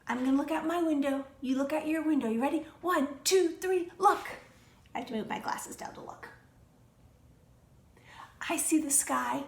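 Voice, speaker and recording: A woman teaching a remote class for young children at home, in a sing-song, encouraging teacher manner. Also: high voice. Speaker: preschool teacher. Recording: echoey room with faint noise.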